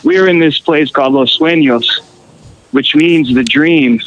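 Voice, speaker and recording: Relaxed and unhurried, a man from Costa Rica who's a guest musician trades fishing and travel stories, with fillers and restarts along the way. His pitch is fairly high, and the audio is dull.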